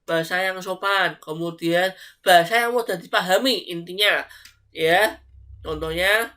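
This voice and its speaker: A man's voice: high voice, a little slow, bright, forceful tone. A man from Indonesia giving a casual online lecture to students, chatty and full of rhetorical questions. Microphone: live stream.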